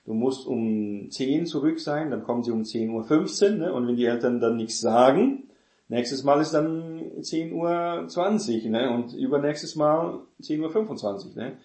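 A man's voice: on the high side, normal speed, darkish tone, echoey room. A man giving an informal sermon on parenting, rambling and searching for words, tagging his sentences with "ne?". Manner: self-correcting, searches for words. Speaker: preacher teaching on parenting.

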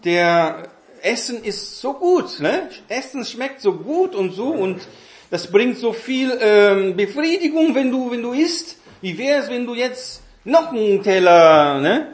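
A man's voice: extremely high pitch, sing-song, slow pace, roomy sound, voice pushed up, heavily acted. A man voicing a sly male devil who sweet-talks people into temptation. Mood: coaxing. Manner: coaxing, sweet-talking.

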